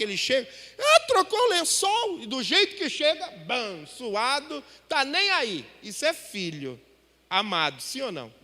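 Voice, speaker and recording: A middle-aged man preaches on a stage mic in a church hall, his voice unusually high and bright. The long reverb trails after each phrase. He keeps the congregation engaged with rhetorical questions. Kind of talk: sermon.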